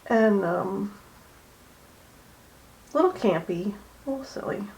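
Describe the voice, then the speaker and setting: A woman hosting a drawing session at her home art desk, chatting casually and going soft and hushed when she concentrates. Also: mid-range voice, animated, measured pace, gravelly, rough recording. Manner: soft-spoken, drifting into near-whispers while concentrating; chatty and easygoing, with fillers and small laughs. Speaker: art channel host. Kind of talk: casual drawing tutorial chat.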